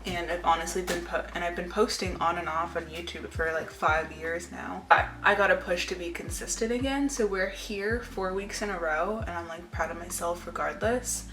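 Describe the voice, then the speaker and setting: A woman's voice: on the low side, normal speed, few pauses, a bit bright. A woman in her twenties talking casually to camera as a vlogger, informal, rambling and confiding. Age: 20s. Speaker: lifestyle vlogger. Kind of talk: casual chit-chat to camera. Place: indoor room at home. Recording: roomy echo with music behind. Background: music.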